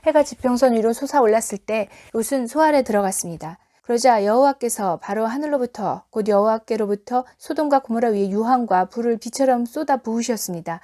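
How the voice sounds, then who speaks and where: A woman, a mother, reading scripture aloud in a steady, plain narrating voice. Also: on the high side, a little fast, hardly any pauses.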